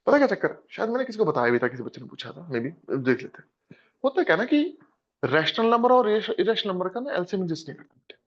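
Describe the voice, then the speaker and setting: Lively Indian man teaching math. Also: high-pitched, fast. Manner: lively, encouraging, addresses students as beta. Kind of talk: discussing a test in class. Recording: dull lo-fi classroom recording.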